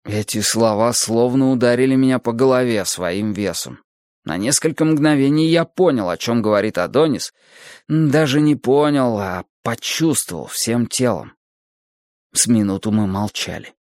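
A man with a medium-pitched voice narrates an audiobook, reading in a measured yet expressive way. The studio-quality recording has no room sound.

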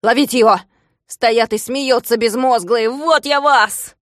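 Reading a storybook, a woman takes on the role of an enraged, bald, rich male landowner, shrieking bossy orders and insults in a ranting screech. Her mid-range voice keeps fairly even intonation at a normal speed and is lightly acted. It's a clean, echo-free studio recording.

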